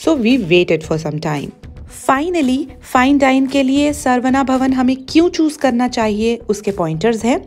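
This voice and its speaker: A woman's voice: high-pitched, animated, a little slow, a little mellow, faint music behind. A woman in her thirties narrating a casual food vlog in a chatty, upbeat way, slipping English phrases into her talk. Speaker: food vlogger.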